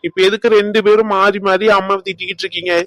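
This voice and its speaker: A man voicing Raghu, a caring young man in a cartoon, firm but gentle and reassuring. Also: high-pitched, little pitch movement, fast talker, no room sound. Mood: protective. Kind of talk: cartoon voice acting.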